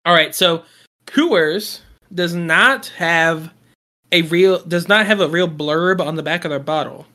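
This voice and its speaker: A man's voice: fairly high pitch, unhurried, sharp tone. A young man co-hosting a beer podcast, laid-back and agreeable in casual chat. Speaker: podcast co-host.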